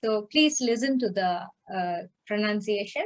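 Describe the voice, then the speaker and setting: A woman's voice: medium pitch, lively intonation, measured pace. A woman teaching a beginner language class over a video call, patiently explaining and checking in with her students. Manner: patient, repeats and checks with "okay?". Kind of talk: online class instruction.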